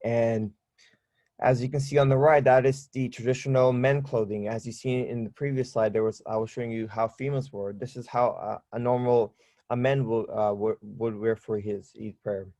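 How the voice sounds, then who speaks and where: A man's voice: mid-range voice, steady tone, normal speed, warm tone, no room sound. Chatty male student presenter from Pakistan. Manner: conversational, asks for the next slide. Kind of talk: informal slide presentation on a video call.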